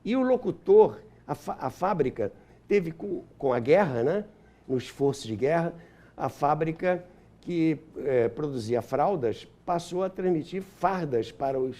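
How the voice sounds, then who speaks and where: A Brazilian man in his seventies, a radio historian and author, appears as an interview guest and tells anecdotes with enthusiasm and nostalgia. His voice is fairly high and warm, expressive at a measured pace.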